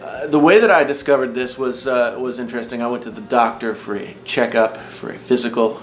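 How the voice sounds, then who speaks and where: A man's voice: mid-range voice, fairly quick, a little hiss or hum. Chatty man in his forties, roomy echo. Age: 40s. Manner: chatty, wry, addresses viewers directly. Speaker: tech YouTuber host. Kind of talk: casual unboxing vlog. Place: home room. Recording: roomy echo with faint music.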